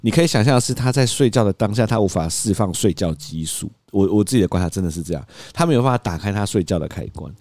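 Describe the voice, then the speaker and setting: Thirties man, lowish voice, very lively pitch, laughs a lot; dry close recording. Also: quick pace, hardly any pauses, no room sound. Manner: animated, acts out quotes, laughs often. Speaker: podcast host. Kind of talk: casual storytelling.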